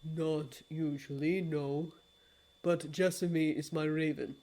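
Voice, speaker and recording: A woman reading the part of a solemn immortal male lord of dreams, in a grave, formal, hushed manner. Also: deep voice, fairly even intonation, slow, voice pushed down.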